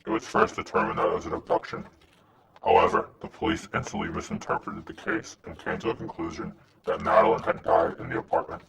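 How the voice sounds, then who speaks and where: A man's deep, gravelly disguised voice. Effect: disguised voice, pitched down and gravelly. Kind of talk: anonymous scripted narration. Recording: noisy, distant-sounding recording.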